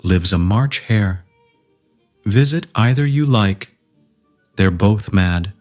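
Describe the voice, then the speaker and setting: Deep-voiced, languid Cheshire Cat. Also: female voice, expressive, a little mellow, faint music behind, full character voice. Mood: cryptic, unbothered. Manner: unhurried, matter-of-fact, teasingly logical. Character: grinning, cryptic, languid talking cat, cheerfully mad.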